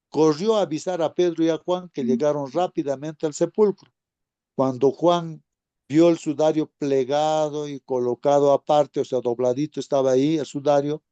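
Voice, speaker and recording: A man's voice: a little high, mellow, clean tone, dry recording, dull audio. A man giving an informal Sabbath School Bible lesson, speaking conversationally, often calling listeners brothers and asking tag questions.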